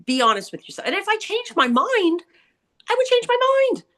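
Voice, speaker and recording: A middle-aged woman with a raspy, grating, nasal voice, talking bluntly and candidly as an interview guest, acting out what people said. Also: very high voice, a little fast. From New York area. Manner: blunt, animated storyteller who acts out quotes. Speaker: interview guest, salon owner and author.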